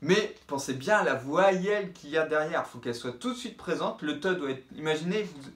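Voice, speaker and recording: A man's voice: fairly high pitch, expressive, normal speed, fairly bright tone, echoey room. A man teaching trombone in an instructional video, explaining patiently and speaking the tonguing syllables aloud as he demonstrates.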